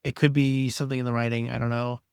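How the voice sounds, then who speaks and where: A man's voice: medium pitch, flat delivery, fast, vocal fry, darkish tone, clean tone, dry recording. Blunt opinionated man, dry close sound. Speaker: podcast co-host. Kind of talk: casual chat.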